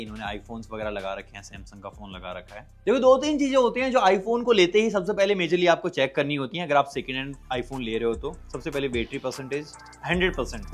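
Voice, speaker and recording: Excited young man reviewing phones. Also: on the high side. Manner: excited, chatty, calls viewers brother and guys. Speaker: tech reviewer. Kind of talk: casual unboxing review.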